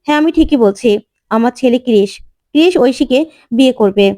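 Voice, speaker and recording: A woman voicing an older patriarch father who speaks slowly and deliberately. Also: on the high side, warm tone, no room sound, clean studio sound, lightly acted. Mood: decisive. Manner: slow, deliberate.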